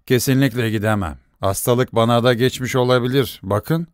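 A man's voice: medium pitch, normal speed, smooth, no room sound, studio quality, close to an everyday voice. A man doing a grumbling, feverish old doctor. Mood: drowsy. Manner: mumbling, grumbling, drowsy. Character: tired feverish male country doctor, sullen.

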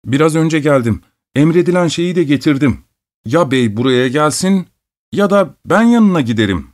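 Man voicing a poor storybook peasant: earnest, persistent, pitched up above the narration. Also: animated, normal speed, a little mellow, close to an everyday voice.

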